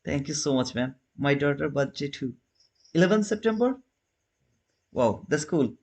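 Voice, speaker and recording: Hosting a trading livestream, a man in his thirties talks casually with viewers and replies to their comments. His voice is a little high and a little mellow, with lively intonation at normal speed, and he often restarts his loose, non-native phrasing.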